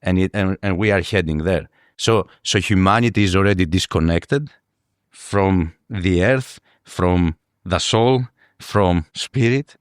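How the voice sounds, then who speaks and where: Guy on a podcast, really low voice, keeps restarting his words, earnest. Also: clear, resonant tone, dry recording, studio quality. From Greece. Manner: earnest, halting, repeats words while searching for them. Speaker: guest. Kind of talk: podcast interview.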